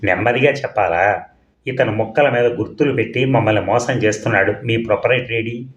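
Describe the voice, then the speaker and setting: Man doing a detective, confident, mocking, low voice, muffled, roomy. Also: a little fast, natural voice. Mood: angry. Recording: dull, echoey room.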